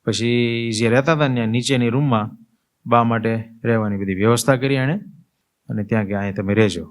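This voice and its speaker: A man's voice: mid-range voice, fairly even intonation, brisk. A man, a monk, preaching a sermon through a story, in a conversational way that keeps checking in with the listeners. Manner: conversational, asks listeners "you see?" and "tell me".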